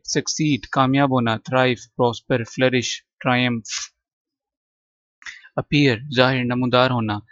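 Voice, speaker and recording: A male teacher walks through a vocabulary list, repeating each word patiently and drilling its pronunciation. The sound is dry and a little dull, as if recorded close on a simple mic. His pitch sits in a middle range. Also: fairly bright tone, dry recording. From Pakistan. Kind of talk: classroom lesson explaining vocabulary.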